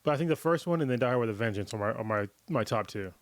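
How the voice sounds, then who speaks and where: A man's voice: medium pitch, animated, racing, dry recording. A man hosting a podcast, rambling casually and laughing often, slightly under the weather. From California. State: getting over being a little sick. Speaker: podcast host. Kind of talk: casual chat.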